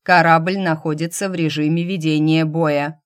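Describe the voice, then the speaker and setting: Booming metallic ship computer in an audiobook, read by a woman: low, loud, monotone, machine-like. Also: moderate pace, smooth, close to an everyday voice. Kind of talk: audiobook narration.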